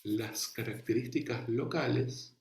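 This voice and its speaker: A man with an Argentine Rioplatense accent giving an online class lecture, speaking slowly and thoughtfully with frequent fillers. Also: medium pitch, vocal fry, a little mellow, roomy sound, a little hiss or hum. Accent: Argentine Rioplatense Spanish.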